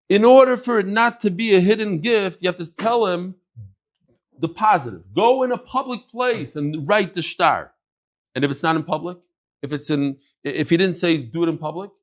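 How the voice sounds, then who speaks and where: A man teaching a daily Talmud class who mixes English with Aramaic and Hebrew terms, asks questions and answers them himself, and acts out the speakers in the text. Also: sits high.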